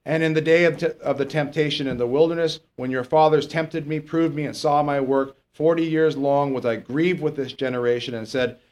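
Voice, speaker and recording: Reading scripture at a slow, emphatic pace, a male pastor works through the text verse by verse in a chatty teaching style. His voice is on the lower side and not strong.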